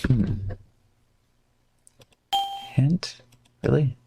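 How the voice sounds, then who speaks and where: A man's voice: mid-range voice, drawn-out words. A man streaming a card game live, chatting casually, humming and muttering to himself as he plays. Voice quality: gravelly, relaxed, hums and mutters while playing.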